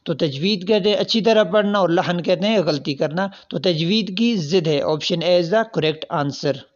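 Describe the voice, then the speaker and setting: A man's voice: sits high, dull audio. A man teaching, reading exam questions and their options aloud, then explaining each correct answer step by step. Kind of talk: solving past exam questions.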